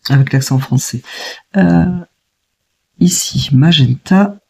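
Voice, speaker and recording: A woman narrates a watercolour palette test at her desk, thinking aloud and pausing often on fillers. Her voice is warm and mellow, with a breathy, slightly husky edge. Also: extremely low pitch. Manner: chatty, hesitant with many fillers, thinking aloud. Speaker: watercolour painter testing a palette. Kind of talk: casual tutorial narration.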